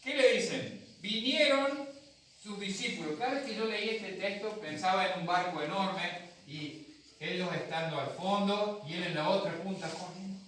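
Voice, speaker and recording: A man's voice: sits high, normal speed, fairly bright tone, slight background noise. A male pastor with an Argentine accent, preaching a sermon in a storytelling way and acting out voices for his congregation. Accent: Argentine Spanish. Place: church hall. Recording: echoey hall from a distant mic.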